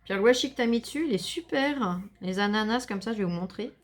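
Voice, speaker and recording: A woman vlogger chatting casually to viewers while opening a scrapbooking parcel, gushing and enthusiastic with a slightly gravelly voice. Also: fairly high pitch, expressive, fast. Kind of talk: casual unboxing chat to viewers.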